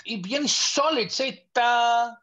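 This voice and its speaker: A man teaching a beginners' lesson online, patiently correcting students and slowly demonstrating each sound. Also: very high voice, crowd noise. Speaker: Tajweed teacher. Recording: slightly dull lo-fi audio.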